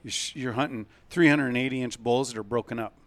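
A man hosting a hunting podcast in a relaxed, casual chat, with many fillers and restarts. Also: mid-range voice, quick pace.

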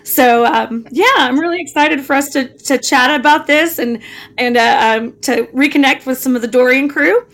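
Female co-host, high-pitched, informal and full of gushing enthusiasm. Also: moderate pace, a bit bright. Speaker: podcast co-host. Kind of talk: casual panel chat.

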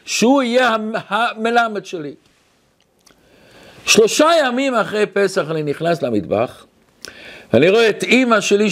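A man telling as a revered old rabbi. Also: high voice. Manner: earnest first-person storytelling. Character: revered old rabbi recalling his childhood.

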